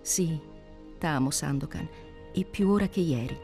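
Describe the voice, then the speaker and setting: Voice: medium pitch, unhurried, dark tone, soft background music, close to an everyday voice. A reader voicing a devoted young woman in love, speaking earnestly and with emotion.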